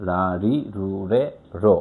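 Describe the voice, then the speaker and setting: A man's voice: on the low side, slow, phone-quality sound. A man teaching Japanese letters, patiently explaining step by step as he writes them out. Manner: patient, demonstrating while writing.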